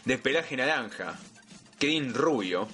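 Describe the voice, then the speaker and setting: A young Rioplatense man reads fan fiction aloud for laughs. His delivery is mock-earnest, and he keeps stumbling over the clumsy sentences. His voice sits at an ordinary middle pitch. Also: expressive, takes it slowly, sharp tone, soft background music. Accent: Rioplatense Spanish. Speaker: podcast co-host reading fan fiction. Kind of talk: comedic dramatic reading.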